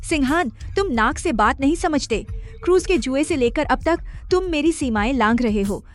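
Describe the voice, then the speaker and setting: A woman's voice: high voice, expressive, moderate pace. An actress playing a proud businesswoman who pleads with and scolds her estranged husband, in a dubbed short drama. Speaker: wife.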